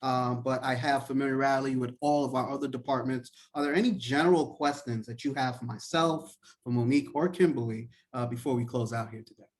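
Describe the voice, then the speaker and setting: A man's voice: medium pitch, a little fast. A man from Trinidad and Tobago, a professor and lawyer, answering questions in a live online class in an encouraging, conversational way. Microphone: video call.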